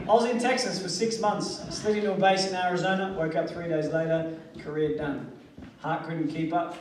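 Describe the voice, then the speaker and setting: Australian man, motivational speaker, earnest storyteller with jokes, higher voice, distant mic in an echoey hall. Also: heavy background noise. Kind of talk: motivational speech.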